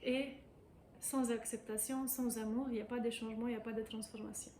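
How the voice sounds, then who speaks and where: A woman giving a guided emotional tapping lesson, speaking in calm, repetitive phrases. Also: on the high side, fairly quick, a little hiss or hum. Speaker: EFT tapping practitioner. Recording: echoey room with faint ambience.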